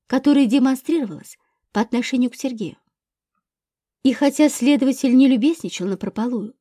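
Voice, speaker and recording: A woman reading an audiobook with even, steady narration. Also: sits high, dry recording, clean studio sound. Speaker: audiobook reader.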